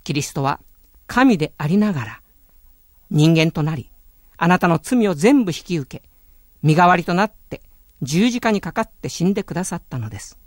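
A man giving a calm, earnest radio sermon, speaking in a measured way. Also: on the high side, no echo, clean studio sound. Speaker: radio preacher.

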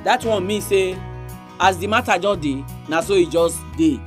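A woman's voice: lowish voice, expressive, normal speed, faint music behind. A woman with a Nigerian Pidgin accent hosting a religious radio programme for women, speaking directly to her listeners.

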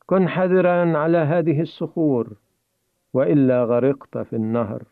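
A man voicing Samir, a bossy shouting rafter. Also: medium pitch, dry recording, natural voice. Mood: urgent shouting. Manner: shouting commands over rushing water. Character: young male rafting companion, urgent and bossy. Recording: tinny phone-like dry recording.

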